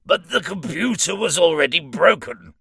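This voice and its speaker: A man's voice: sits high, animated, moderate pace, creaky, pushed and bright, voice pushed up, exaggerated voice. A man voicing an exasperated male demon, protesting in disbelief.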